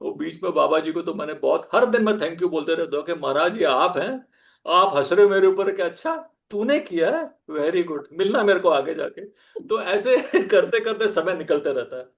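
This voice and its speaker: A man's voice: high voice, animated, normal speed, creaky. A man in his sixties, a podcast guest telling personal stories in a humorous, self-deprecating way and chuckling often. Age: 60s. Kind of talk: anecdotal conversational storytelling.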